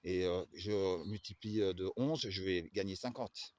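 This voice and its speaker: A man's voice: sits low, unhurried, a little mellow. A man from the Agen area telling a long personal story, hesitant and full of fillers and restarts. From Agen area, southwest France.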